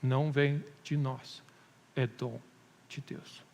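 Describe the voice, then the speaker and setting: A man's voice: medium pitch, level tone, takes it slowly, creaky, a little mellow, slight background noise. A male pastor preaching a sermon with a Brazilian Portuguese accent, building to emphatic rises and stretching key words. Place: church hall. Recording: long church-hall reverb.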